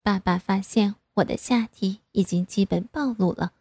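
A woman reading a first-person story aloud in a slow, even way. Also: medium pitch, breathy edge, dry recording. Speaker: narrator.

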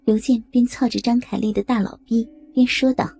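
Husky woman narrating an adult story. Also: a little high, a little fast. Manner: steady, matter-of-fact reading. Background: faint music.

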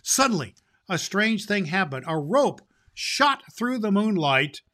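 A man playing a jolly old Santa Claus who hosts a show and reads a Christmas story aloud, with booming ho-ho laughs. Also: big pitch swings, measured pace, sharp tone, exaggerated voice. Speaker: host. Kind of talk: storytelling podcast.

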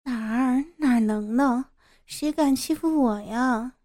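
Woman doing a soft-spoken, high young village girl. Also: a little slow, dry recording, clean studio sound. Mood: gentle. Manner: soft, hesitant and tender. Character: young village girl, gentle and hiding her sorrow.

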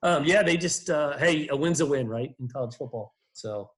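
A man co-hosting a casual sports podcast, animated and quick to laugh, often repeating his words. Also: a little high. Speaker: podcast co-host.

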